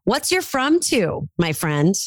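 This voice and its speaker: A podcast host and speaking coach in her late forties runs a coaching call with an upbeat, encouraging manner and playful asides. Her mid-range voice swings widely in pitch and moves slowly. The recording is dry.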